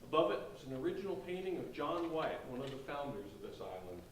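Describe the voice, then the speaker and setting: Here the same courteous Southern agent, voiced by a man in a staged reading, shows off an old inn in a folksy sales pitch. He pitches fairly high, speaks quickly, and has a sing-song lilt. The recording has an echoey hall, faint noise, and a far-off microphone.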